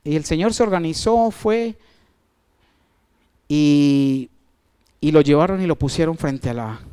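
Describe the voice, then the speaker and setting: A male pastor preaching a sermon, asking the congregation questions, stretching out key words and letting his phrases fall away quietly. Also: a little slow, clean tone. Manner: asks the congregation questions and answers them; wide swings of pitch and loudness, trailing off at phrase ends.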